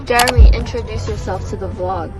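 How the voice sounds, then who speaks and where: A young woman from Taiwan chatting casually in her vlog, playful and quick to giggle. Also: mid-range voice, steady tone, echoey room, over loud music, poor audio. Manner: playful, giggly, switches between languages. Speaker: vlogger.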